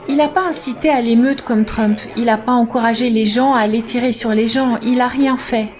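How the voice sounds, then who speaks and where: High-voiced, offhand intelligence contractor played by a woman. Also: fairly even intonation, a little fast, darkish tone, natural voice. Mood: matter-of-fact. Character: candid, matter-of-fact intelligence contractor. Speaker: voice-over dub of an interviewee.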